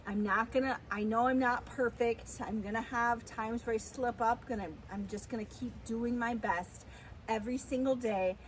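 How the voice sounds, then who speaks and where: A woman with a fairly high voice speaks in a casual, confessional vlog style. She is candid and chatty, often slipping into self-encouraging pep talk. A clear vehicle-like ambient noise sits behind her voice. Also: steady tone, moderate pace, low-quality recording. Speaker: vlogger, amateur physique competitor.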